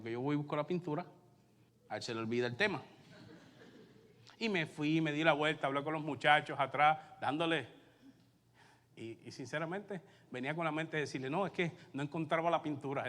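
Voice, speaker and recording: A male pastor with a Puerto Rican Spanish accent preaching a sermon and telling his own story, alternating loud emphasis with hushed asides. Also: fairly high pitch, long reverb tail. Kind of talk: sermon with personal testimony. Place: church sanctuary.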